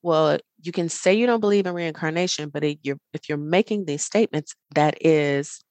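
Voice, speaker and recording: Podcast host, woman, low register, dry close mic; earnest, encouraging self-help monologue. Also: moderate pace, a little mellow, no echo. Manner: earnest, encouraging, addresses the listener directly; smiling as she speaks.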